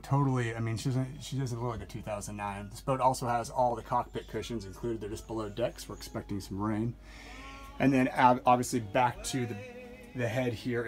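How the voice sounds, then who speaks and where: Aboard a sailboat in a marina, a yacht broker in his forties casually guides viewers over the deck and through the cabin, holding his phone camera as he talks. His voice is medium-pitched, and his relaxed, chatty delivery has plenty of fillers and self-corrections. Music plays nearby in the phone recording.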